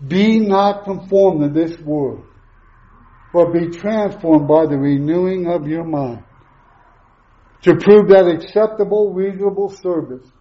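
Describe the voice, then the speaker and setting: A man's voice: high voice, measured pace. A middle-aged man preaching a sermon through a face mask, emphatic, with repeated questions and short answers. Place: echoey room, preaching to a congregation. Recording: roomy echo, slightly muffled sound.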